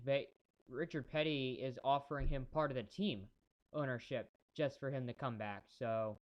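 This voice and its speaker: A man's voice: medium pitch, lo-fi sound. A man giving casual live-stream commentary on a race, chatty and rambling, talking to his chat viewers.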